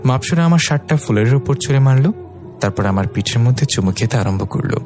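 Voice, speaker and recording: A man's voice: medium pitch, animated, a little fast. A man narrating a dramatic audio story in the first person, with an emotive delivery. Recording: soft background music.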